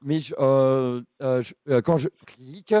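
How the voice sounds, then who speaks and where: A man's voice: medium pitch, steady tone, measured pace, dark tone, no room sound, pitched below the performer's own voice, natural voice. A man putting on a confused, lonely sick patient who stammers and trails off in a prank phone call. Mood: muddled.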